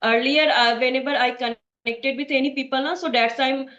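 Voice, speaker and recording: A woman's voice: high voice, fairly even intonation, normal speed, a bit bright. A woman from Bihar with an Indian accent, practicing English in a casual conversation and speaking hesitantly with many fillers and restarts. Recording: echoey, dull lo-fi sound.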